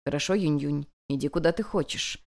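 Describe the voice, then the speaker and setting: A woman voicing an ancient male god, a weary and restrained teacher speaking softly and evenly. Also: low voice, voice pushed down, natural voice. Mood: weary calm. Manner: soft, even and measured.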